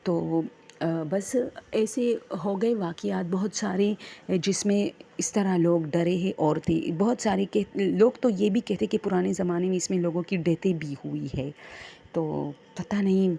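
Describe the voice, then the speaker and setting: Soft-voiced woman telling ghost stories. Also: lowish voice, creaky, slight background noise. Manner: hesitant, many fillers and pauses. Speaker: storyteller. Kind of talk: casual spoken storytelling.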